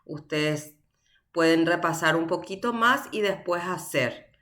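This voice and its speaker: A woman's voice: fairly low pitch, unhurried, a bit bright. A woman teaching a university language class online, explaining patiently and checking in with her students.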